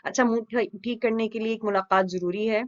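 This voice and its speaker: A woman's voice: on the high side, fairly even intonation, voice pushed up, close to an everyday voice. A woman voicing a playful, teasing young husband with a carefree manner, in an audiobook. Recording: dull lo-fi recording.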